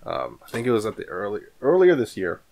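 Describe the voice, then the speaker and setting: A man's voice: on the low side, big pitch swings, quick pace, gravelly, a little mellow, a little hiss or hum. A man in his thirties hosting a card collecting vlog, chatting casually with many fillers and restarts, in a small room at home on a studio microphone. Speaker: card collecting channel host. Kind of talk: casual vlog and pack opening. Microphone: studio microphone on arm in front of him.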